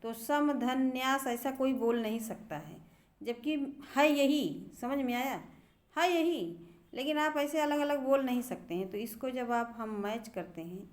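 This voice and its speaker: A middle-aged woman teacher explaining grammar to students, patiently repeating words slowly to show how they are pronounced. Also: high voice, lively intonation.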